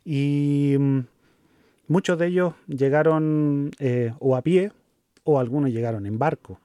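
Mellow Chilean man, thoughtful talk. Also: on the high side, measured pace, dry recording, clean studio sound. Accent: Chilean Spanish. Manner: thoughtful, hesitant with fillers. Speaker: co-host. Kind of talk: casual conversation.

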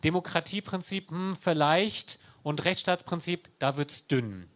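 A man's voice: on the high side, unhurried, fairly bright tone. A man giving an explanatory talk to an audience in a conversational, wry way, with dry sarcastic asides. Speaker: speaker explaining law to an audience.

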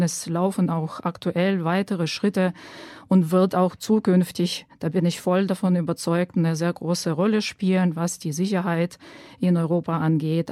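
A woman's voice: fairly low pitch, warm tone, no echo. A woman from Ukraine, a podcast guest in a radio studio, speaking earnestly and thoughtfully with frequent hesitations. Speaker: guest, activist. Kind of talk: conversational podcast talk.

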